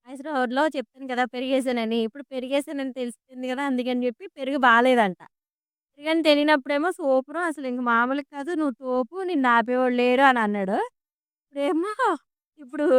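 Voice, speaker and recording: A woman's voice: high-pitched, a bit bright, clear, resonant tone, no echo. A woman giving a chatty, amused voice-over for her home vlog, recorded close to the mic. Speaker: vlogger.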